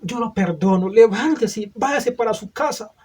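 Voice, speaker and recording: A man's voice: sits high, normal speed, a little mellow, slightly rough. A man voicing a sentimental male judge who proudly pardons a killer. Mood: indulgent. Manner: sentimental, self-satisfied.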